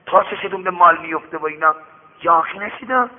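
A man preaching by way of a moral tale, with a fairly high voice and lively delivery, often stopping to warn his listeners. The sound is thin and phone-like, from an old radio broadcast with a long hall reverb. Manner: lively, addresses listeners directly with warnings. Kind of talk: moralizing sermon storytelling.

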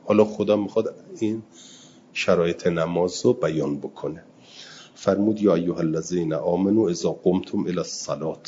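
Guy with a really low voice giving a seminary class, reads arabic slow then explains fast in everyday persian, kinda dull recording w some hiss. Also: dark tone. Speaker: religious studies teacher. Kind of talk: seminary lesson explaining Quranic grammar.

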